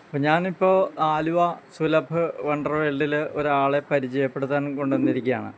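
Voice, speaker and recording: A man interviews new members inside a large indoor showroom, asking leading questions and prompting each guest to speak up. His voice sits a bit high. A faint hum runs under the recording. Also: flat delivery, moderate pace. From Kerala. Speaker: interviewer at a store visit. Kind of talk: casual promotional interview.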